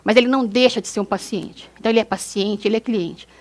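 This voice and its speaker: A middle-aged woman doctor with a São Paulo Brazilian accent giving a lecture to fellow doctors, asking rhetorical questions and acting out quick examples. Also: medium pitch. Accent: Brazilian Portuguese, São Paulo.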